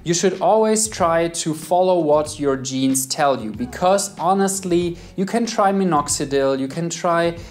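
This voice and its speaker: A man's voice: fairly high pitch, measured pace, hardly any pauses, faint music behind. A man with a German accent, a guest beard expert giving methodical, earnest advice straight to camera. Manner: earnest, methodical, numbered tips.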